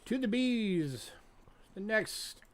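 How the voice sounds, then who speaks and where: A man's voice: high-pitched, expressive, very slow. A man hosting a casual live-stream auction, chatty and joking as he sells items one by one. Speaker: online auction host.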